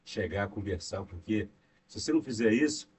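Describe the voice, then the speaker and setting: A man's voice: lowish voice, expressive, brisk. A Brazilian man co-hosting a podcast speaks devoutly and rambles, leaning on frequent fillers. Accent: Brazilian Portuguese. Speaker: podcast co-host. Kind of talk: devout casual conversation. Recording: distant mic with faint noise.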